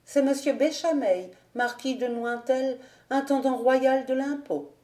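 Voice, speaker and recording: A woman reading a novel aloud, voicing a proud young noblewoman in a slightly higher voice, haughty and controlled. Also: a little slow, dark tone, distant mic. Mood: light. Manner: controlled, haughty, restraining tears. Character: proud young noblewoman hiding her heartbreak. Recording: roomy home recording.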